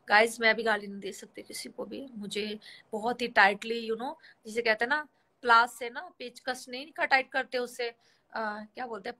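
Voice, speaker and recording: Fields: Sex: woman. Style: bright-voiced live stream host. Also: a little high. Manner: rambling, mixes in English words. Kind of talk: casual live stream chat.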